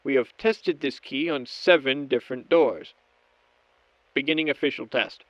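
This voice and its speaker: In an audio drama, a man plays a methodical scientist doctor logging experiments on tape, narrating every step in a measured, clinical manner. His medium-pitched voice sounds natural with no echo, though the lo-fi audio is dull and has background noise.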